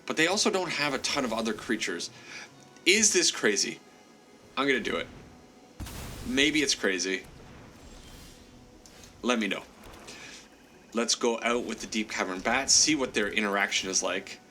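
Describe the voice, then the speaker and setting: A man of medium pitch talks expressively at a moderate pace, pausing often, his tone bright and forceful against slight background noise. Nasal from a cold, he casually narrates his card game, thinking aloud, poking fun at himself with plenty of laughs, and apologizing to his opponent.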